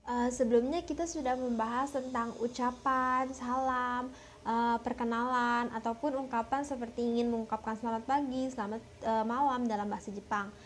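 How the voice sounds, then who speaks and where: High-voiced young woman explaining a lesson. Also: steady tone, normal speed, slight background noise. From West Java, Indonesia. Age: young adult. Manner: hesitant, many filler sounds. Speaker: language teacher.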